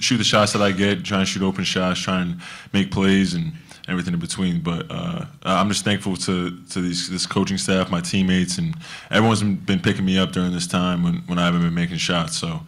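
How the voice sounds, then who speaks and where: Young athlete, deep flat earnest voice. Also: male voice, brisk. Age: young adult. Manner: earnest, repeats words. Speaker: college basketball player. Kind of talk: press conference answers. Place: press conference room. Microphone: table microphone.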